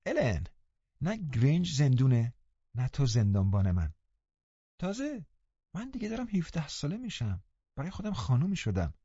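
A man's voice: mid-range voice, very animated, pauses often, warm tone, breathy edge, no echo, voice pushed up. A man reading an audiobook voices a headstrong teenage girl, speaking in a pleading, self-assured way. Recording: slightly dull, muffled recording.

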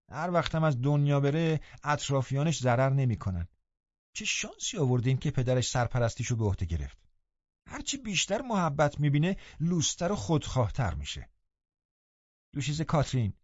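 A man's voice: a little high, darkish tone, no echo, pitched above the performer's own voice, natural voice. A man reading an audiobook voices a blunt older housekeeper woman who scolds in a firm, outspoken way. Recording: slightly dull, muffled recording.

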